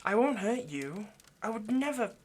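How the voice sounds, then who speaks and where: Here the centuries-old vampire kidnapper, anxious and lovesick, turns insistent and stern, still halting, coaxing and rambling directly at the listener in this intimate roleplay monologue. The man's voice is high, very animated and a little mellow.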